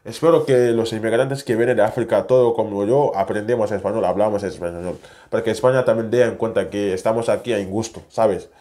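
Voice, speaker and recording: Young man, speech; animated casual vlogger. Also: medium pitch. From West Africa. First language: French. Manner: animated, chatty, non-native Spanish with tag questions. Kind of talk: casual storytelling to camera.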